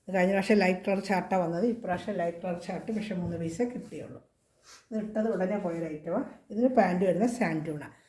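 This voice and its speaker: A woman with a Kerala Malayalam accent and a slightly hoarse voice from a cold, chatting casually as she shows clothing for sale. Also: lowish voice, fast, mellow, roomy sound. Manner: chatty, repeats prices and sizes. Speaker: clothing seller. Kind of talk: casual product showcase.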